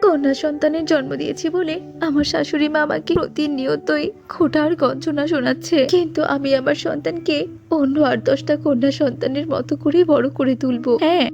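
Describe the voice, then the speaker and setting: A poor young mother who works as a maid pleads gently in a high voice, as a woman narrator plays her. She sounds earnest and close to tears. The cartoon audio is dull and lo-fi, with faint music behind. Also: steady tone, fairly quick. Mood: pleading. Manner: pleading, tearful. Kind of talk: cartoon voice acting.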